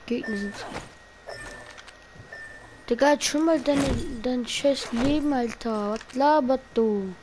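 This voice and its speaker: A woman streaming gameplay, talking in heavy street slang and swearing at teammates in excited bursts. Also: high voice, takes it slowly, long pauses, background noise. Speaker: gaming streamer. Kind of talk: live gameplay commentary.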